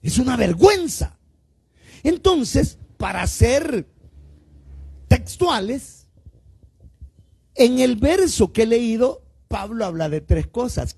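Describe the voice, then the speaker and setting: A man's voice: extremely high pitch, creaky, slightly rough. A male pastor with a Salvadoran Spanish accent preaching a sermon, asking the congregation questions and calling them "hermano", stretching out words for emphasis. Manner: drawn-out emphatic words, swinging between loud and quiet. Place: church service.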